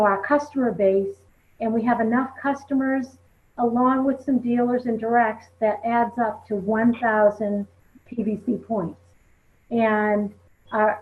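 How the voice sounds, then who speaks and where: A woman hosts a group recognition call in a chatty, conversational way, often leaning on "you know" as she goes. Her voice sits a little high, and it comes through a tinny, phone-like line. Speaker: team leader hosting a recognition call.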